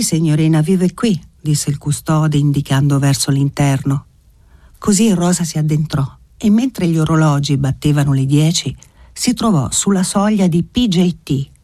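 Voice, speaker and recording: A man narrating a literary audiobook in a measured, expressive storytelling manner. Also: on the high side, no room sound, clean studio sound.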